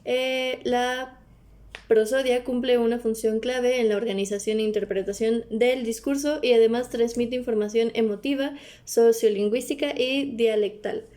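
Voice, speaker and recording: A woman's voice: a little high, fairly even intonation, normal speed, dark tone. A woman giving a class presentation, reading with hesitations, fillers and frequent self-corrections.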